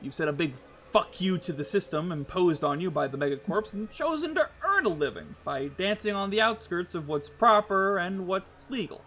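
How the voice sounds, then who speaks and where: Male game master with a slightly high voice reading dramatic scene-setting narration. The mic crackles, cuts out and sounds robotic. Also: animated, fairly bright tone. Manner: dramatic, measured read-aloud delivery. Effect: choppy, robotic mic audio that keeps cutting out. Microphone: desk mic on an online voice call.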